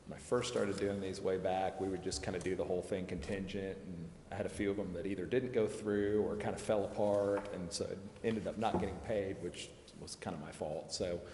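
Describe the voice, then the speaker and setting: This lawyer, a man advising a city council, talks a little fast and barely pauses, his low, slightly mellow voice staying fairly even in intonation. He explains informally at the public meeting in a plain, discursive, self-deprecating manner, while the echoey indoor chamber adds long reverb and background noise.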